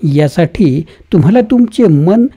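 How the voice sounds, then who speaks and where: A narrator reading a self-help book summary in a steady, even scripted narration with no fillers. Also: mid-range voice, measured pace, slightly rough.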